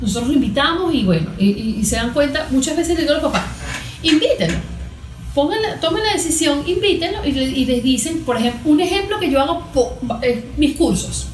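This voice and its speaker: Her high-sitting voice is expressive and brisk as this Venezuelan guest therapist, a cognitive specialist, explains concepts in a chatty interview, often acting out tiny imagined situations. Soft background music sits behind an echoey, spacious recording.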